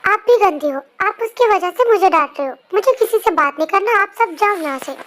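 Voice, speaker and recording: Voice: extremely high pitch, animated, fairly quick, a bit bright. A young performer voicing a jealous, stubborn little boy who whines and sulks in an amateur fan dub. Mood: sulky. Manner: whiny, sulky.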